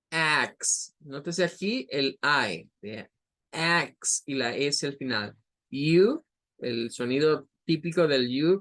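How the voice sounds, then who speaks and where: A male teacher giving an online class, patiently explaining English vowel sounds and repeating example words to model them. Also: a little high.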